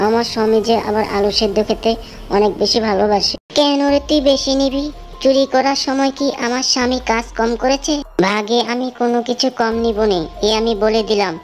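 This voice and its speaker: A woman's voice: a little high, a little fast, faint music behind, close to an everyday voice. A woman voicing a greedy, quarrelsome jackal wife with a bossy, scolding manner in a cartoon story. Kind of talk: exaggerated cartoon story acting.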